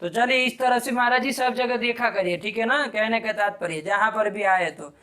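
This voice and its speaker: A man teaching Sanskrit grammar in a live class, quizzing his students briskly and scolding them sharply when they answer wrong. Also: sits high, pushed and bright.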